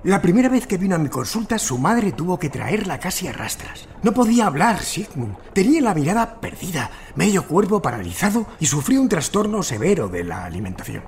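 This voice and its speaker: A man's voice: high-pitched, very animated, fairly quick, hardly any pauses, slight background noise. A man playing an earnest, commanding physician and hypnotist in a period audio drama.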